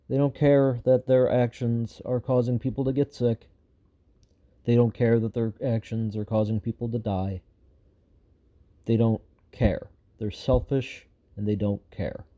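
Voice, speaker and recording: A show host gives viewers an unscripted update, rambling and sounding frustrated, full of fillers and restarts. His medium-pitched, dark-toned voice is slightly hoarse.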